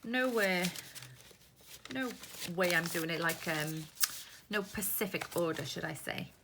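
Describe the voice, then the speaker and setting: Sorting papers at her desk, a Welsh woman rambles chattily through a crafting tutorial for her vlog. She speaks in a lowish, expressive voice at an unhurried pace, while paper crinkles and rustles nearby.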